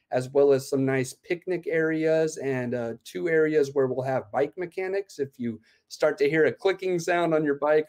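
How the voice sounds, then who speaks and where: On a video call interview, a man in his thirties who organizes events explains his plans upbeatly, dropping lots of "uh" fillers. His voice is medium-pitched with a darkish tone, picked up by a laptop webcam in a room at home.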